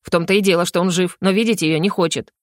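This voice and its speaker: A woman's voice: lowish voice, fairly even intonation, fast talker, dry recording, studio quality, natural voice. A woman reading an audiobook voices a small, grumpy male hedgehog who snorts between phrases. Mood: sulky.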